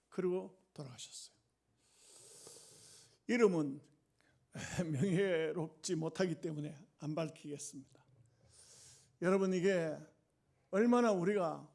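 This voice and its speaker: Guy preaching, pretty high voice, tells it like a story, keeps dropping down real quiet. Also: creaky. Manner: dramatic storytelling, voice often sinking low and quiet. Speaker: pastor. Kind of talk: sermon.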